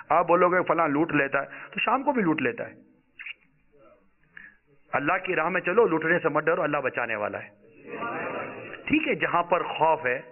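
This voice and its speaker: High-voiced preacher man, tinny lo-fi recording. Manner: scolding, rhetorical, swings from low murmurs to raised exclamations. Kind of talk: sermon. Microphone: microphone. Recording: tinny phone-like sound.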